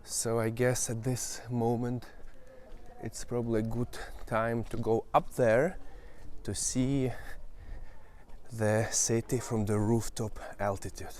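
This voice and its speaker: A native Ukrainian speaker from Western Ukraine, this male travel vlogger strolls through an old town outdoors, casually pointing out sights to viewers in a Ukrainian accent. His mid-range voice is a little mellow, moves slowly, and barely shifts in pitch. Slight background noise can be heard.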